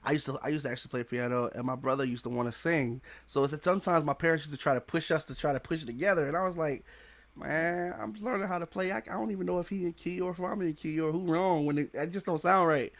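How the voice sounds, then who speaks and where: A man in his thirties with a fast, higher-pitched voice hosts a casual podcast interview, using a headset alongside a studio mic. His questions are loose, rambling and packed with slang.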